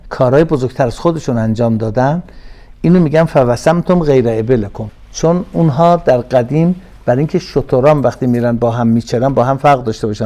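A man with a voice of ordinary pitch lectures on a classical religious text. He draws certain phrases out slowly and forcefully, then drops into relaxed, conversational explanation.

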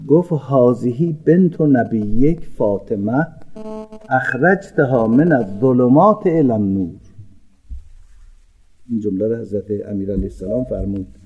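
Older male cleric, dark husky sermon voice. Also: lowish voice, highs cut off. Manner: swings from quiet explanation to loud chanted Arabic quotes. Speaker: cleric preacher. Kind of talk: religious sermon with Arabic recitation.

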